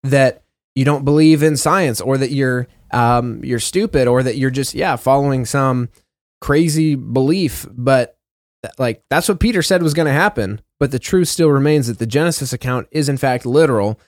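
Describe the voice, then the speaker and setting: Co-hosting a laid-back Bible study, this mid-pitched man reads verses aloud, then discusses them plainly and conversationally, dropping the occasional "uh" and correcting himself quickly. The audio is close and dry with no room sound.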